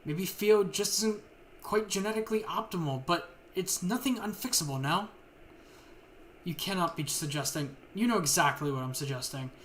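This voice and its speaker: Guy putting on a cold mad-scientist lady, slow n condescending, a bit of hiss behind. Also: high-pitched. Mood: stern. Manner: calm, condescending, slow and deliberate. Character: cold scheming woman scientist experimenting on people.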